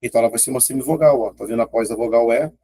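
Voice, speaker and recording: A man's voice: medium pitch, rapid-fire, dark tone, a little hiss or hum. A man with a Brazilian Portuguese accent teaching an exam-prep grammar lesson in a casual, chatty way, often pointing things out and checking in with his students.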